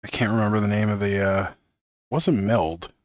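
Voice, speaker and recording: A man's voice: on the low side, normal speed, no room sound, dull audio. A man hosting a card-opening video, reading card text aloud in a casual, amused way and chuckling often. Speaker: card-opening channel host.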